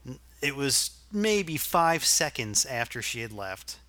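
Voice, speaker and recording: A man's voice: mid-range voice, sing-song, takes it slowly, sharp tone, dry recording. A middle-aged man from Arkansas, a podcast co-host, telling a rambling, profane story in casual chat.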